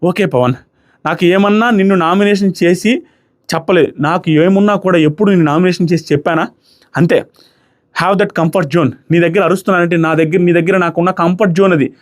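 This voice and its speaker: A young man giving a casual, animated review of a reality show, acting out quotes as he retells events. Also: high-pitched, a little fast. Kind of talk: casual commentary.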